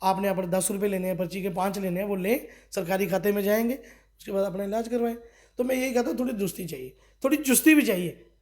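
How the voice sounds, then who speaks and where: Middle-aged man from Kathua, a party official in a local news interview; high voice, forceful, fond of rhetorical questions. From Kathua, Jammu and Kashmir.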